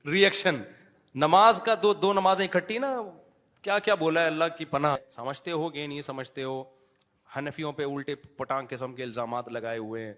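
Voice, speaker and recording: A middle-aged man preaching an informal sermon, talking in a conversational way that moves between quiet asides and emphatic teaching. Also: on the high side. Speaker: Islamic preacher. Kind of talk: informal sermon with live audience address.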